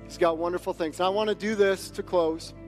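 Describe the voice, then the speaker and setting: Man, pastor, impassioned sermon, high voice, soft music behind. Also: steady tone, a little fast. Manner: impassioned preaching, rising and quieting for emphasis. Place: church sanctuary.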